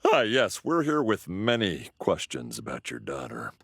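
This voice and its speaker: An actor voicing a dim, eager police officer in an animated sitcom, earnest and obliviously off-topic. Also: male voice, low voice, measured pace, breathy edge, dry recording, studio quality, full character voice. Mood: matter-of-fact.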